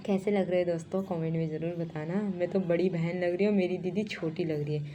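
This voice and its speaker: Young woman vlogger, twenties, low-pitched, chatty voice-over over a noisy background. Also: warm tone. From Uttarakhand, India. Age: 20s. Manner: chatty, laughing at herself, talks straight to viewers. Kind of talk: casual vlog voice-over narration.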